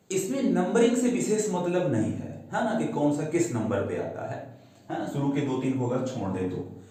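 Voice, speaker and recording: A man gives a grammar lesson in a lively, swinging voice with a mellow, dark tone, posing questions and answering them himself while drawing out key words slowly. The recording is strongly echoey, with his voice sitting some distance from the mic. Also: fairly high pitch. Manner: mixes English terms into Hindi explanation. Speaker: English grammar teacher. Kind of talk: classroom-style video lesson. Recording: echoey room, voice away from the mic.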